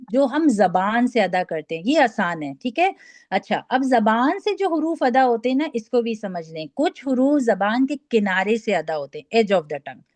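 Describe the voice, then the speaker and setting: A woman teaching recitation over a video call, speaking patiently, demonstrating sounds slowly and checking that students follow. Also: on the high side, darkish tone, no room sound. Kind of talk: online class lesson.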